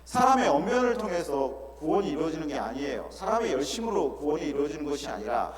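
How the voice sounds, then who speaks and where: A middle-aged male pastor preaching an earnest sermon, often asking rhetorical questions and dropping into softer asides. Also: on the high side, big pitch swings, quick pace, over a noisy crowd. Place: church sanctuary. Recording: echoey church hall with congregation.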